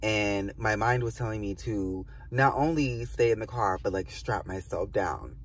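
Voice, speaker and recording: A man's voice: on the low side, a little slow, far from the mic, slight background noise. A man telling a storytime to his viewers in a casual, rambling and profane way, full of fillers and asides. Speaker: vlogger.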